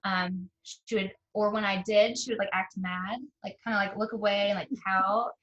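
Young mom type talking it through, lots of um and like, heartfelt, middle pitch. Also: female voice, steady tone, fairly bright tone, dull audio. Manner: halting, with many fillers and restarts; emotional and earnest. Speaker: interview guest. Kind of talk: casual personal storytelling.

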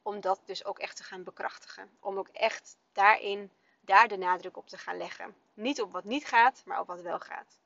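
A woman's voice: mid-range voice, creaky, fairly bright tone, no room sound. A woman in her thirties hosting a parenting podcast, telling a story in a chatty way with many fillers. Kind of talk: casual spoken podcast monologue. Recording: dull, dry lo-fi sound.

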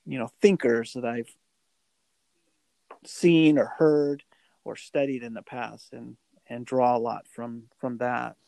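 A man's voice: medium pitch, fairly even intonation, takes it slowly, vocal fry, dark tone, no echo, poor audio. A man in his forties co-hosting a podcast, talking reflectively with many fillers and restarts. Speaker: podcast co-host. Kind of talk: casual podcast chat.

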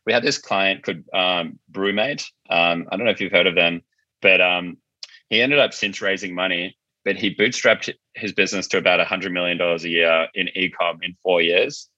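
A marketing agency founder appears as a podcast guest, speaking in a deep yet bright, forward voice with a steady tone at normal speed. He talks informally and explains his ideas, thinking aloud as he works them out. The recording is close and dry, slightly muffled and lo-fi.

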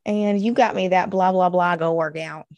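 A woman's voice: on the low side, steady tone, normal speed, darkish tone, dry recording, lo-fi sound. A woman co-hosting a podcast, chatting casually and rambling with lots of fillers from her craft room at home. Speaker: podcast co-host. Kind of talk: casual chat.

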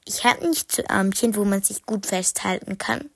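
A woman voicing a gentle, thoughtful small female dog in a storybook, soft and calm. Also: medium pitch, normal speed, gravelly, no room sound, clean studio sound. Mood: wry.

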